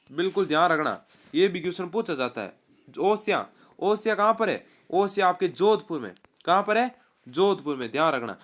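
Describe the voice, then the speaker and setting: A man teaching a live online exam-prep quiz class, reading options and repeating answers in a brisk, quizzing manner. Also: sits high, a bit bright.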